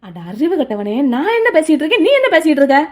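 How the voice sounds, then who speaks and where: A woman voicing an excitable young male college student who pleads loudly and rambles. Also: sits high, fast. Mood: indignant.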